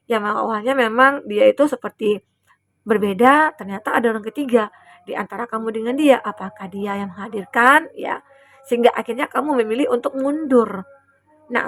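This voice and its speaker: A woman with an Indonesian accent giving a casual general tarot reading, chatty and full of fillers, acting out what the other person thinks. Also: a little high. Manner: chatty, many fillers and acted quotes, soft asides. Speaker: tarot reader.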